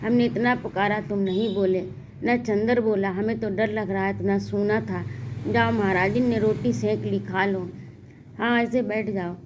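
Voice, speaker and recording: A woman's voice: medium pitch, steady tone, a little slow, noisy background, lightly acted. A woman reading as a feverish delirious young woman. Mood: pleading.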